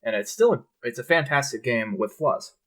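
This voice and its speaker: A man co-hosting a podcast in casual chat, relaxed and swearing freely. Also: medium pitch, moderate pace. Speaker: podcast co-host.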